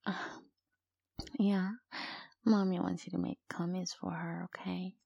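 A woman whispering close to the mic in a slow, cooing voice that is breathy with a gravelly edge. Her tone sits low and mellow, with little rise and fall, and the sound is dry and close. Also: little pitch movement, no room sound, lo-fi sound. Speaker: audio roleplay performer. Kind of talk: whispered intimate audio roleplay.

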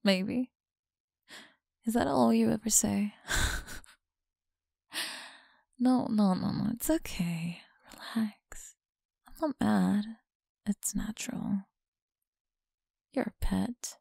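A young woman voicing a teasing, possessive school bully in an ASMR roleplay, speaking in a slow, mocking, breathy whisper close to the mic. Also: mid-range voice, a little mellow, no room sound, exaggerated voice.

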